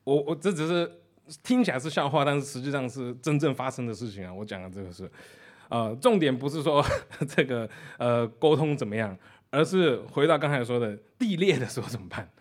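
A man's voice: mid-range voice, brisk. A man preaching conversationally, repeating key phrases and weaving in jokes.

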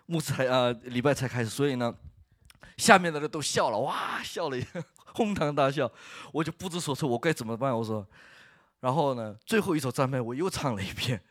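A man of middle pitch gives an earnest church testimony, halting and restarting as he tells his story with bursts of laughter. The sound is dry and close, with no room echo. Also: a bit bright. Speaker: worship leader giving testimony.

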